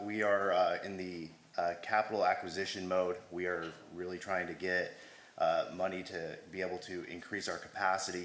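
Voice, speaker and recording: A man giving an informal update to a gathering, hesitant with pauses, his voice giving out. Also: low-pitched, a bit bright. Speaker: industrial weaver presenting an update. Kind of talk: informal spoken presentation to a community gathering. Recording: echoey room, background noise.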